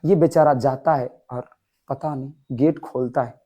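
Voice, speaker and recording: Quizzing his students repeatedly on whether they're following, a young man animatedly explains an English story to a class. He speaks at a medium pitch and a measured pace. The recording is low-quality, with slight background noise.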